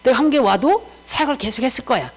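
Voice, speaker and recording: Animated woman missionary giving testimony. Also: sits high, fast, slightly rough, low-quality recording. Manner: animated storytelling, acting out remembered dialogue; warm, conversational, mixing casual and polite speech. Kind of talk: personal testimony talk to a congregation.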